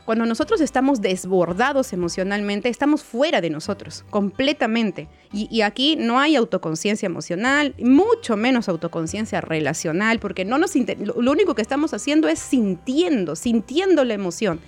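A woman's voice: a little high, sing-song, normal speed, few pauses, faint music behind. A woman psychologist giving relationship advice straight to the listener in a coaching tone, often repeating words and checking for agreement. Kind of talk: advice talk to viewers.

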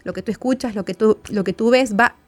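Woman psychologist, somewhat high voice, faith-based relationship advice, voices listeners' doubts. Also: fairly quick, soft background music. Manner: asks many rhetorical questions; plays out listeners' objections.

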